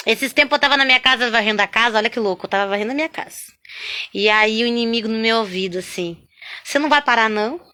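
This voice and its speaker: A woman sharing a spoken religious testimony, chatty and animated, constantly tagging her sentences with little questions to the listener. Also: a little high, fast. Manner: chatty, constant "né?" and "sabe?" tags; animated, swings between loud and hushed.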